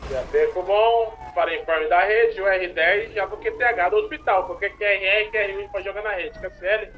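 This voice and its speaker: A firefighter crew member reporting in clipped radio codes, heard through a two-way radio. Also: male voice, high voice, a little fast. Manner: terse, clipped radio jargon. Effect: heard over a two-way radio. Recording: muffled radio with background noise.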